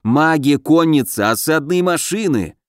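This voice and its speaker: A man's voice: on the high side, no room sound, studio quality, voice pushed up. A man doing a fretful, jittery house spirit. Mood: alarmed. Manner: excited, quick chatter. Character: fretful male house spirit, anxious lookout.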